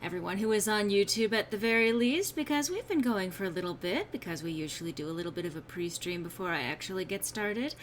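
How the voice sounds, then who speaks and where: A woman's voice: medium pitch, expressive, quick pace, hardly any pauses, a little hiss or hum. A woman hosting a casual gameplay stream, rambling and self-mocking, sounding a little under the weather and subdued. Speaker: streamer host.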